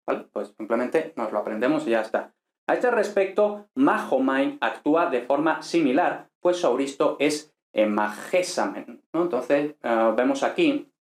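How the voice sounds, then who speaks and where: Patient man from teaching, echoey room. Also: medium pitch. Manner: patient, explanatory, ends points with tag questions. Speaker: teacher of ancient Greek. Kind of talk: lecturing, explaining grammar.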